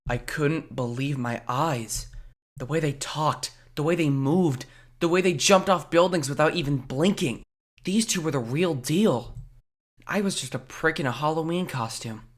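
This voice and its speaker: In a comic dub, a man with a fairly high, unhurried voice plays an earnest, insecure teenage amateur superhero, speaking as both narrator and in dialogue. The mood is confiding and uneasy, with background music beneath him.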